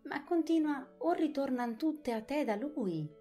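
A woman's voice: sits high, expressive, measured pace, dark tone, soft background music, voice pushed up. A woman reading an audiobook, voicing a bold, indignant young girl. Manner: indignant, outspoken.

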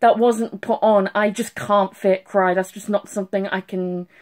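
A woman's voice: medium pitch, steady tone, moderate pace, darkish tone. Emotional young woman, just done crying. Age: young adult. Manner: emotional gushing with restarts and trailing thoughts. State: has just been crying. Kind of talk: casual video review to camera. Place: small bedroom at home, indoors. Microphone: phone at arm's length.

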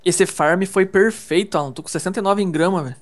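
A man's voice: high voice, fast. A man with a Brazilian Portuguese accent in casual gaming chat, playful and exclamatory, thinking aloud as he crafts. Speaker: gamer co-playing.

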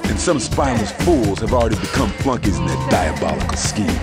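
A man's voice: fairly low pitch, animated, fairly quick, lightly acted. A man voicing a brash male DJ hosting a pirate radio broadcast, with slangy, swaggering, sing-song patter. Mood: hyped. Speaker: radio DJ host. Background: hip hop music.

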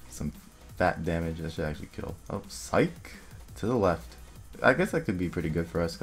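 A young man casually commentating his own online game, thinking aloud and muttering quick asides to himself. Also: extremely low pitch. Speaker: gaming video creator. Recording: faint music underneath.

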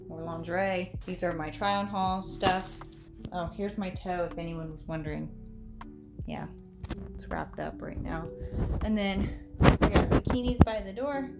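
A young woman in her twenties talking to her phone camera in a casual vlog, tired and rambling with lots of fillers, first from bed and then indoors in a small rental house. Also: lowish voice. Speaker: content creator. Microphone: phone held at arm's length.

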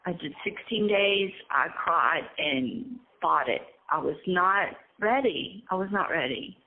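A nervous woman hesitantly telling her own story as an interviewee, pausing often with ums. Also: on the low side, expressive, creaky, slightly rough. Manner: hesitant, halting, with frequent ums. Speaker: incarcerated interviewee. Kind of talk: casual conversational storytelling. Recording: tinny phone line.

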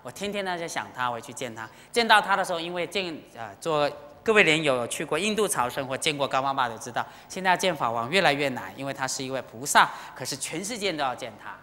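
Long reverb from the temple hall surrounds this Buddhist sermon, given at a quick pace with hardly any pauses in a medium-pitched voice. The delivery swoops expressively, bright and forceful, packed with emotional stories and direct appeals to listeners.

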